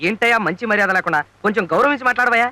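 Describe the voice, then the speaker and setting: A bragging small-town lawyer who bluffs and scolds his way through every scene. The voice rides high and rattles along quickly. Every line is a comic film boast. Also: pushed and bright, no echo, heavily acted. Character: boastful, fast-talking small-time male lawyer. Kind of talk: film comedy dialogue.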